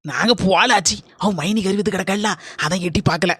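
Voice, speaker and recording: A woman's voice: mid-range voice, a little fast, a bit bright, slightly rough, no echo. A woman with a Kanyakumari Tamil accent voicing a friendly, chatty village neighbor in a cartoon.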